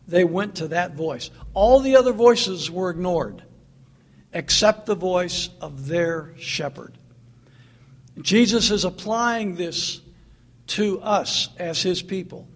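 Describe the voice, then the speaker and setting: A man preaching a sermon in an earnest, emphatic way, repeating his points. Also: high voice.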